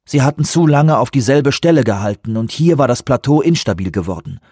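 Husky male audiobook narrator. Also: medium pitch, no room sound, studio quality. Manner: measured, even storytelling. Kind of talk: scripted narration.

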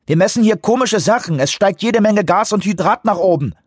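A man's voice: high voice, expressive, a little fast, husky, no echo, clean studio sound, pitched above the performer's own voice. A man voicing a worried male ship technician whose tinny voice comes over the radio, calling out urgently. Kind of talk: audiobook reading.

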